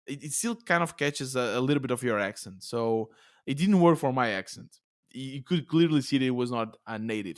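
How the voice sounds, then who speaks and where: A man with a Portuguese accent hosting a solo podcast, talking in a chatty, excitable way with many restarts. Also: mid-range voice. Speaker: podcast host. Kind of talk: casual solo podcast monologue. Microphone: podcast studio mic.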